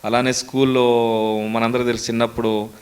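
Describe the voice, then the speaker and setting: A man's voice: mid-range voice, flat delivery, a little fast, clear, resonant tone. A young man, a mimicry artist answering interview questions earnestly, in a storytelling way. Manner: earnest, storytelling, lists names steadily.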